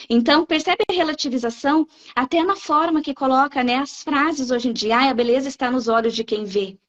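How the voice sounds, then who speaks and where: Brazilian woman in her 40s-ish going off bluntly, high voice, kinda dull lo-fi stream sound. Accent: Brazilian Portuguese. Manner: animated, blunt, frequent "né?" tags. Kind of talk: emphatic preaching-style talk. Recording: dull lo-fi live stream audio.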